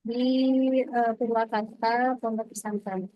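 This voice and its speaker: A woman in her twenties from West Sumatra, a teacher introducing herself in a graduate class with hesitant pauses and fillers. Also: a little high, steady tone, dull audio. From West Sumatra, Indonesia. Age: 20s.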